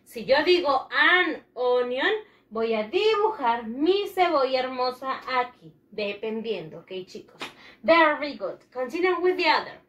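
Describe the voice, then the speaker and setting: A woman teaches English to young children, her high voice rising and falling in a lively, sing-song way. She speaks slowly and deliberately, often voicing the pupils' answers herself to keep the lesson going. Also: lo-fi sound. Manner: animated, sing-song, acts out pupils' replies. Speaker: primary school English teacher.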